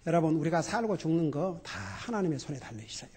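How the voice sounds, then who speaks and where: High-voiced husky pastor preaching. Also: male voice, fast. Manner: animated, laughing, shifts between loud exclamations and quiet emphasis. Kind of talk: sermon.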